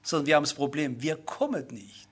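A man preaches, speaking earnestly and turning to his listeners with questions. His voice sits high and sounds a little husky. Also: expressive, a little fast, a bit bright. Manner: earnest, addresses listeners directly with rhetorical questions. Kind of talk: sermon.

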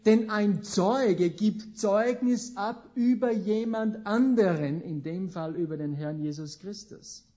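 A middle-aged man delivers a sermon in a slow, deliberate cadence, lingering on the words he wants to land. His voice is mellow and dark, and he keeps turning to the listeners with rhetorical questions. The recording sounds dull and lo-fi. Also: high-pitched. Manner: emphatic, swinging between slow stressed words and quick asides. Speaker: preacher.

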